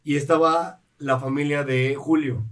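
A man's voice: on the high side, steady tone, measured pace. A man hosting a podcast, telling funny family anecdotes in a casual chat. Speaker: podcast host.

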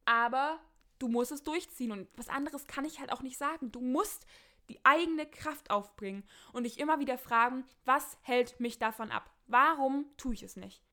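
A woman's voice: sits high, moderate pace, pushed and bright. A woman hosting a podcast who reads listener letters aloud and answers them in casual, blunt, emphatic advice talk.

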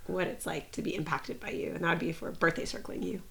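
A woman's voice: fairly low pitch, fast talker, gravelly, a bit bright. A woman talking as a podcast guest, thinking aloud in a reflective way and using a lot of filler words. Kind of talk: casual conversational interview.

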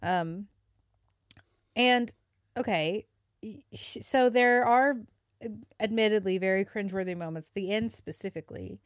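A woman with a Southern US accent co-hosting a casual podcast chat, animated, laughing often and swearing casually. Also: mid-range voice, measured pace, pauses often, clean tone, no room sound, studio quality. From American South. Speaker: podcast co-host.

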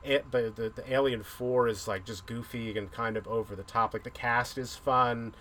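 A man's voice: mid-range voice, fairly even intonation, normal speed, bright, forceful tone, slight background noise. A man hosting a podcast, chatting casually and rambling about films, with a loose manner and the odd swear. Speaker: podcast host. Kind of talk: casual chat.

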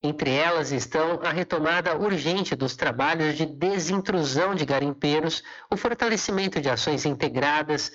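A man's voice: fairly high pitch, a bit bright. A Brazilian man reading a scripted radio news report as an announcer. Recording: slightly dull, lo-fi audio.

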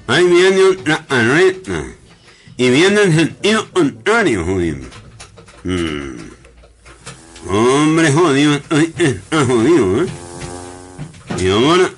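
A man doing a nasal, cursing ox-cart driver. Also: a little high. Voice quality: nasal speech impediment. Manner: grumbles and swears constantly. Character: hot-tempered grown male ox-cart driver, cursing.

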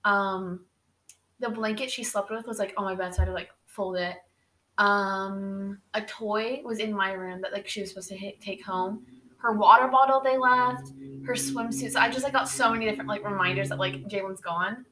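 Telling a story on her podcast, a young woman sounds sharp-toned and mid-range, keeping fairly even intonation at a moderate pace. She's casual and chatty with lots of fillers, and the recording echoes in the room.

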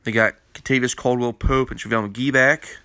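A man's voice: medium pitch, fairly even intonation, a little fast, bright, forceful tone, clear, resonant tone, no echo. A man hosting a basketball news panel in casual commentary, with a congested morning voice from a sinus infection, rambling with many fillers. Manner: rambling, filler-heavy, opinionated.

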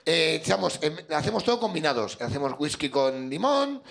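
A middle-aged man from Spain with a gravelly, raspy voice hosts a live comedy show, joking and rambling with guests and the crowd. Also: fairly high pitch, sing-song, moderate pace. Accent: Spanish (Spain). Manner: jokey, rambling, self-mocking. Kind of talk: stand-up crowd work chat.

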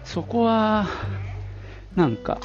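A man's voice: high voice, big pitch swings, extremely slow, faint music behind. A man in his late fifties hosting a casual audio diary podcast, chatting and rambling with many fillers while he walks outdoors to work, slightly out of breath. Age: 50s. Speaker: podcast host. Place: outdoors on a street, walking to work. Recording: dull lo-fi outdoor recording with wind noise.

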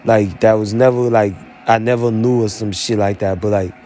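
A man's voice: lowish voice, steady tone, normal speed, warm tone, faint music behind. A man, an army veteran, talking through his story in a rambling, profane monologue full of fillers.

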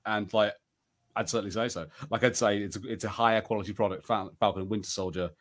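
A male co-host on a casual review podcast thinks aloud, hedging and circling back as he forms his opinions in halting, conversational phrases. His pitch is fairly low and his intonation fairly even.

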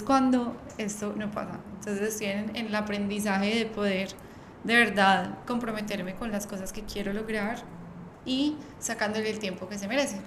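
A woman's voice: medium pitch, a bit bright. A woman hosting a casual podcast chat, telling stories animatedly and laughing often. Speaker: podcast host. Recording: echoey room, faint background noise.

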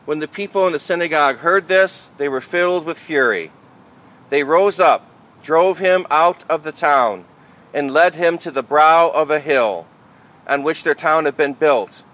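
Higher-pitched male priest at Mass. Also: measured pace, a bit bright. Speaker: priest reading the Gospel and preaching. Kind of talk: liturgical Gospel reading and homily.

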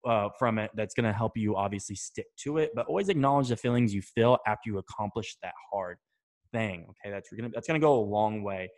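A man's voice: on the low side, brisk. A young man talking casually to camera, giving habit advice, loose and chatty, swearing now and then and checking in with "right?" and "okay?". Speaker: self-improvement vlogger.

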